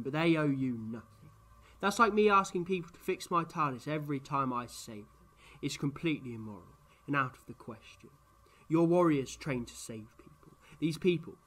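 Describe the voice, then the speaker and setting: Eccentric sci-fi hero, male actor: bright, lightish voice, theatrical bluster, impulsive confidence. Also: on the high side. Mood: indignant. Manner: animated, theatrical, quick to bluster. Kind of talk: sci-fi audio drama acting.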